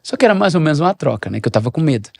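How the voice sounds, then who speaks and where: A man's voice: rapid-fire, creaky, dry recording. A middle-aged man, a pastor, telling a personal story, acting out the dialogue. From Brazil. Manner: animated storyteller, shifts pitch and level, acts out dialogue. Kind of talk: storytelling in a podcast interview.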